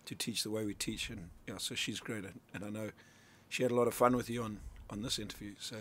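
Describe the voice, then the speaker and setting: Guesting on a radio show, a middle-aged Zimbabwean sales coach explains his ideas loosely and conversationally, frequently starting over. He is a fast talker with a lowish, fairly bright voice and fairly even intonation.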